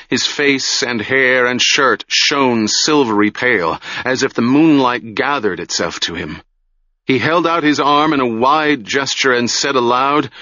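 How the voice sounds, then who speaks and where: A man narrating an audiobook in slow, deliberate storytelling. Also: fairly low pitch, bright, forceful tone, dry recording, muffled recording.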